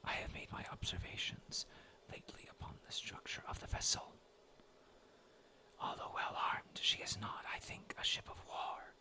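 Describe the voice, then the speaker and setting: A man's voice: moderate pace, pushed and bright. A man in his twenties from New England, reading a classic sea tale aloud in a whispered role-play ASMR style. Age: 20s. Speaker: storyteller.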